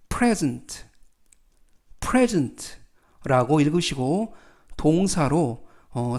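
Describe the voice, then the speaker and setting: A man teaching English phrases in a calm, methodical lesson, often repeating key words and example sentences. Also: a little high. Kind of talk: slow explanatory lesson.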